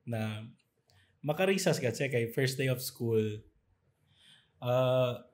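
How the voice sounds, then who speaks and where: Man, mid-pitched, casual podcast co-host, animated storyteller. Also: slow pace. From Zamboanga, Philippines. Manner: animated storytelling with playful mimicry. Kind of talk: casual chat.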